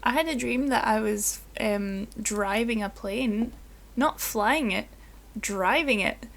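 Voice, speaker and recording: A woman's voice: on the high side, slow pace, creaky. A woman co-hosting a podcast, chatting casually and teasing her friend. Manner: playful, laughs easily, teasing. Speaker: podcast co-host. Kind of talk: casual chat.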